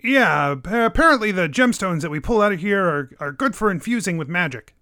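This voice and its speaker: Man as female village trader, friendly, hesitant, informal, slightly high voice, close dry sound, tabletop game. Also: animated, a little fast, bright, forceful tone, no echo, exaggerated voice. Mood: helpful, hesitant.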